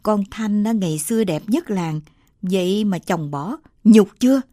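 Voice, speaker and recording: Woman storyteller doing a village gossip, mocking, scornful, mellow dry voice. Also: medium pitch, expressive, measured pace, no echo, natural voice.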